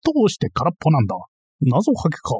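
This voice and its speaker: Brief: male reader doing a blustering, clownish master thief, voice pushed higher, husky, dry close read. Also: big pitch swings, fast, mellow, no echo, full character voice. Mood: baffled. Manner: boastful, ranting, easily flustered. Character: blustering bumbling self-styled master thief, man.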